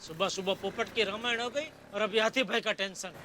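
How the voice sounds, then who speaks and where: A man's voice: sits high, a little fast, pushed and bright, slight background noise. A man in a sitcom playing an exasperated taxi passenger who explains himself. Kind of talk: sitcom acting. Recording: music behind the voice.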